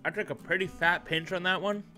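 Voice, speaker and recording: A man casually rambling through a product review, talking with a pinch of dip in his lower lip. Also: fairly even intonation, brisk, pushed and bright, soft background music. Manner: casual, swears freely, repeats himself.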